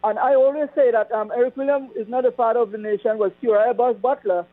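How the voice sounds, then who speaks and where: High-voiced Trinidadian man on a clipped phone line. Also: fairly even intonation, dry recording. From Trinidad and Tobago. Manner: halting, many ums. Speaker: caller. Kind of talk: call-in radio chat.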